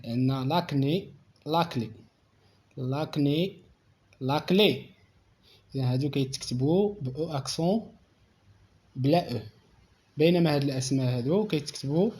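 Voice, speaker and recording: A Moroccan man teaching a French grammar lesson, explaining slowly and repeating each word. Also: mid-range voice, mellow, a little hiss or hum. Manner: slow, repetitive explanation, reading French aloud.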